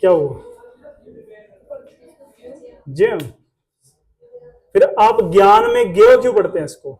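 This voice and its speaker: A man's voice: high-pitched, wildly swooping pitch, fast talker, vocal fry, darkish tone. A male Hindi teacher, giving a classroom lesson and drilling pronunciation by asking the class questions.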